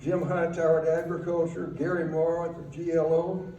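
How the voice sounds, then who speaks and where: Older man's halting eulogy, roomy and distant. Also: fairly high pitch, little pitch movement, warm tone, dull audio. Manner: halting, faltering delivery with pauses. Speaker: eulogy speaker. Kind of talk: reminiscing eulogy speech. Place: speaking at a memorial gathering in a room. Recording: roomy, distant mic, faint noise.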